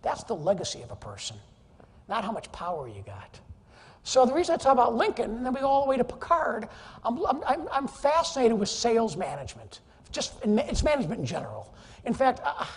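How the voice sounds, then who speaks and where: Male keynote speaker, high and husky voice, jokey and animated, echoing conference hall. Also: fast. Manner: animated, jokey, teases the audience. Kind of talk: energetic, humorous business presentation. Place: large conference hall, live audience.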